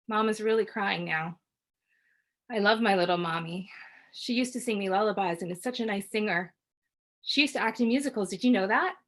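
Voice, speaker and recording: A woman reading literary fiction aloud in a measured, quiet way. She narrates steadily in the first person, keeping her delivery even and unhurried. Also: mid-range voice. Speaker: author reading at a book launch.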